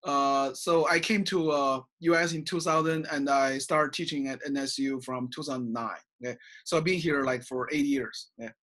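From a small office with bookshelves, a middle-aged college professor from China, Chinese accent and all, delivers an online class lecture into his desk webcam. He gestures, fills his speech with "uh" and ends sentences with "okay?", in a fairly high, somewhat bright voice at normal speed with hardly any pauses.

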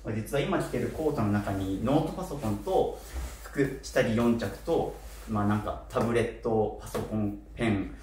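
A man's voice: on the low side, moderate pace, darkish tone. A man in his twenties from Japan chatting casually to camera, his articulation slightly slurred as if wearing a mouthguard. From Kitakyushu, Japan. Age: 20s. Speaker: vlogger. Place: small bare apartment room, indoors. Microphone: camera a short distance away. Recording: roomy echo with faint noise.

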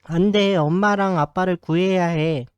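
A man's voice: sits high, steady tone, unhurried, clear, resonant tone, no echo, faint music behind. A man reading the game lines of a frightened young child who begs his parents to stop. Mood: determined.

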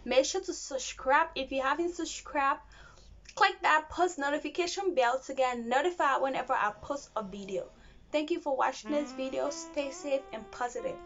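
High-voiced young woman. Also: moderate pace, fairly bright tone, dull audio, soft background music. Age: young adult. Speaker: vlogger hosting her channel. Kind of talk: casual direct-to-camera vlog talk.

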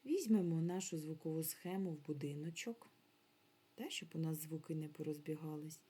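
A woman primary school teacher gives a remote lesson to young children, instructing patiently and encouragingly, carefully stretching words out syllable by syllable. Her voice sits low and is dark in tone and slightly rough, at a moderate pace.

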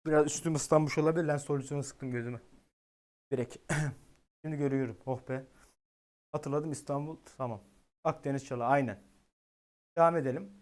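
A man giving live-stream weather commentary, excitable and exasperated, talking directly to his chat. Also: on the high side.

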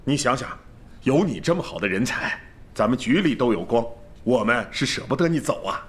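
An actor playing a hearty, flattering middle-aged bureau chief who chuckles as he praises a subordinate, in a TV drama. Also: mid-range voice, a little fast, natural voice. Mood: jovial. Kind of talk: TV drama acting.

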